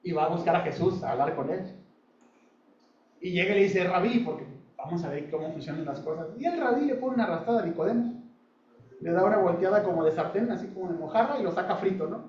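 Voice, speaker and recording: A man's voice: sits high, expressive, fast talker, darkish tone. A man teaching a Bible study in a folksy, conversational way, with homely examples and questions to his listeners. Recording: echoey room, distant dull mic.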